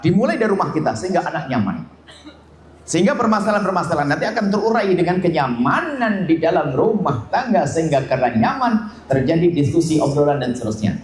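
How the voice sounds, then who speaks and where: A man preaching a sermon with humor, sometimes mimicking people in high, nagging voices. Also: sing-song, fast, slight background noise. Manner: playful, jokes and mimics nagging wives and husbands in high voices. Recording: very echoey hall with faint ambience.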